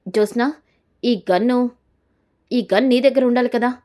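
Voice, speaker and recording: A woman's voice: on the high side, moderate pace, warm tone, lightly acted. A woman voicing a proud old grandfather who scolds his granddaughter. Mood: angry.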